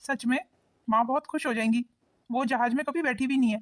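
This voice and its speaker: A woman voicing a husband in a cartoon, talking in a quick, lecturing manner. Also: on the high side, natural voice. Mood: warm. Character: husband, a grown son of the family.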